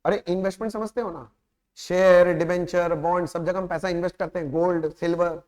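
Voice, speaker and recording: An accounting teacher with an Indian accent lectures his class, speaking straight to students and firing quick check-in questions, then slowing into drawn-out words to stress key terms. His voice is fairly high for a man, a little mellow, with fairly even intonation, and the classroom leaves a long, ringing reverb after every line.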